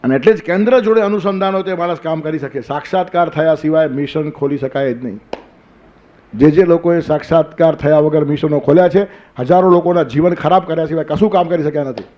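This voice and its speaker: A man's voice: a little high, quick pace, warm tone, highs cut off. An older man giving a spiritual discourse, telling stories, asking rhetorical questions and quoting verses. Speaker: spiritual teacher. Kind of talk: Gita discourse sermon.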